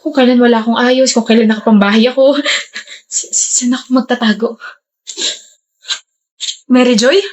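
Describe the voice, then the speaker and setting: A woman performing scripted comedy-skit dialogue in a playful, excitable way, with sudden shouts. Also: on the high side, fast.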